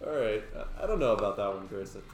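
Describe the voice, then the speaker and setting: A man's voice: on the low side, animated, racing. A young man playing a party card game with friends, telling stories and laughing through his lines. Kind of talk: casual chat. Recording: echoey room with faint music.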